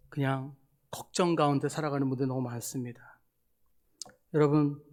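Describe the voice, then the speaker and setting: A middle-aged man delivers a sermon as a missionary pastor, and his voice sits a little higher than most men's. He sounds conversational and animated, often turning to the congregation with rhetorical questions.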